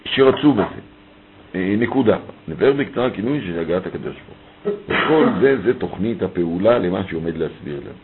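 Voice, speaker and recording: A man with a somewhat low voice teaches a text study lesson. He reads a passage aloud, then explains it phrase by phrase. The audio is thin and phone-like, with faint room noise behind him. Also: expressive. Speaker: Torah teacher.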